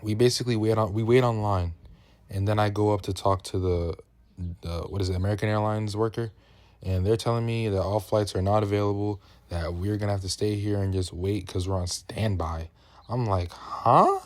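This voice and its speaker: Deep-voiced young man telling a story. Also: steady tone, a little fast, darkish tone. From New York. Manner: slangy, profane, laid-back storytelling. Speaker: vlogger. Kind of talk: casual storytime vlog.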